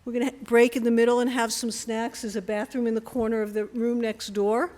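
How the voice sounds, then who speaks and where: A woman with a slightly high-pitched voice gives a prepared speech introducing a guest. She is measured and orderly as an event organizer. Her voice rings with the long reverb of a hall. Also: little pitch movement, a little mellow. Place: church hall.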